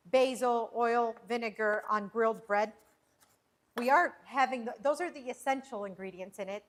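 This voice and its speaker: Chatty woman hosting a cooking stream. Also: fairly high pitch. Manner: chatty, rambling with restarts and fillers. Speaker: cooking show host. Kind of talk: casual livestream cooking chat. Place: home kitchen.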